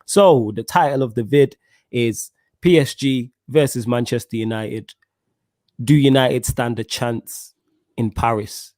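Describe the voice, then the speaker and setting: Man, London roadman accent, slangy podcast host, casual football chat, medium pitch, dry recording. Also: a little slow, a little mellow, no room sound. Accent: London, roadman-style street slang. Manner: slangy street talk, addressing listeners and co-host.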